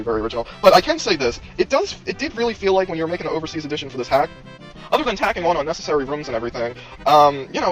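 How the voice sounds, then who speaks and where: A quick, fairly high-voiced man riffs over his gameplay footage, rambling and poking fun at himself as he chats to his viewers. Faint game music plays under his voice. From United States. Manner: rambling, self-deprecating, talks straight to viewers. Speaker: let's play host. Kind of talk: casual gameplay commentary.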